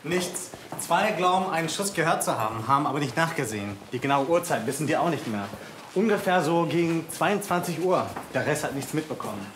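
A deadpan, literal-minded young police officer, played by a man. His voice sits a little high and stays flat and matter-of-fact. The sound is roomy, with noise under it. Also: fairly quick, natural voice. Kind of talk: TV crime comedy acting. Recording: noisy, echoey TV soundtrack.

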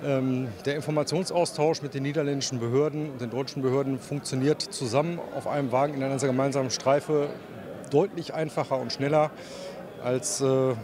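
A man's voice: medium pitch, steady tone, a little fast, crowd noise. A man giving an interview statement, a little hesitant with ums.

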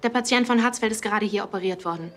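Actress as a fast-talking, ambitious female trainee doctor. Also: medium pitch, faint music behind, natural voice. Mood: firm. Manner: assertive, businesslike. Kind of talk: naturalistic TV drama acting.

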